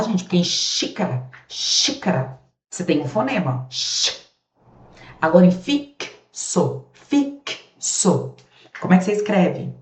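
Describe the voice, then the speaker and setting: A woman's voice: mid-range voice, a little mellow. Brazilian woman teaching, roomy and distant. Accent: Brazilian Portuguese. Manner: demonstrates sounds aloud, asks rhetorical questions. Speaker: grammar teacher. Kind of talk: recorded class lesson. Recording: roomy, distant, dull sound.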